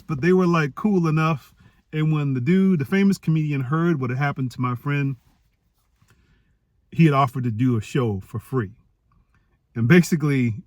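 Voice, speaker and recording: Animated man telling a personal story. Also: no room sound, clean studio sound. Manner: animated, acts out quoted dialogue with pitch jumps. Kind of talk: storytelling talk.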